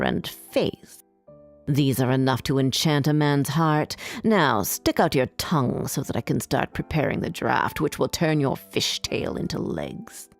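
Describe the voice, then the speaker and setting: Wicked old sea witch for a storybook reading, deep dark drawl, slow and cold, put on by a woman. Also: vocal fry, heavily acted. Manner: slow, low and threatening.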